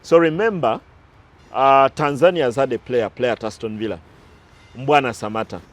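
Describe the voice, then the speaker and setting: Recent football matches get a pundit's analytical treatment from a man of medium pitch and moderate pace. This casual sports talk features side stories and some restarts.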